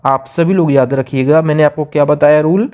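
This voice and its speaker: A man with an Indian accent teaching an exam grammar lesson, repeating each rule step by step and reading example sentences slowly. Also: fairly high pitch, darkish tone. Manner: repetitive, drills rules step by step.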